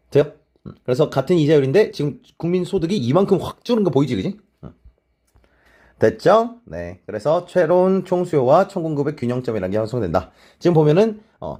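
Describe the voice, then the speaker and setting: A man teaching an exam-prep lecture, talking casually and checking in with his students all the time with quick tag questions. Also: on the high side, warm tone. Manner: mixes polite and plain speech; many short filler replies to himself.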